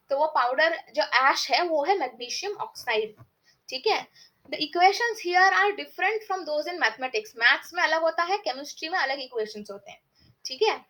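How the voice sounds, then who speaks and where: Bright high-voiced woman teaching science. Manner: explains step by step, often checks with "ठीक है?"; reads English textbook lines slowly, explains fast in Hindi. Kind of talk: online lesson mixing Hindi and English.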